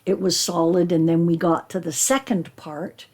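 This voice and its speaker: A woman actor talking reflectively in an interview, with earnest, deliberate and emphatic phrasing. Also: on the low side, a little mellow. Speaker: stage actor.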